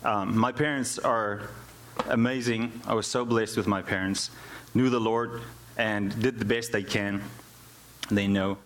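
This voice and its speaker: A South African man whose native language is Afrikaans gives an informal church testimony as a worship musician and music teacher. His fairly low voice is a bit bright, with fairly even intonation and a slightly slow pace. He often repeats words while searching for phrasing, and there's slight background noise.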